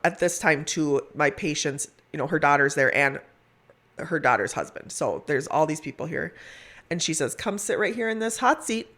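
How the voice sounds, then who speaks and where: Female hospice nurse storyteller: gravelly fry in the voice, heartfelt and emphatic, conversational. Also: low voice, animated, moderate pace, fairly bright tone. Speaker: hospice nurse, podcast guest.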